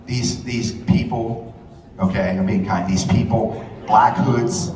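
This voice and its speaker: A man's voice: fairly low pitch, steady tone, slow, crowd noise. Fiery man speaking in an echoey hall. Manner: blunt, profane, heated storytelling. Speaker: rally speaker. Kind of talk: fiery live speech. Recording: echoey hall, distant mic.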